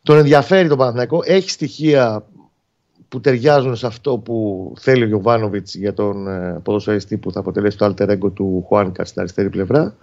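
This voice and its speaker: A man's voice: fairly low pitch, fairly even intonation, darkish tone, muffled recording. A man working as a football reporter, explaining match incidents in detail during a casual sports talk.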